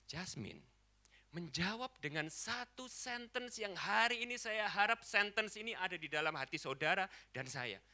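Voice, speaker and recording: A man in his thirties preaching a sermon in a church, telling a story in an animated way and switching into English phrases. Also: sits high, normal speed. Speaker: pastor. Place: church hall.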